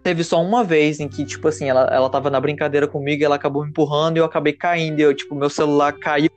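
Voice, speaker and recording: A man's voice: fairly high pitch, flat delivery, racing, faint music behind. A man in casual chat, telling a personal story in a rambling way with many fillers.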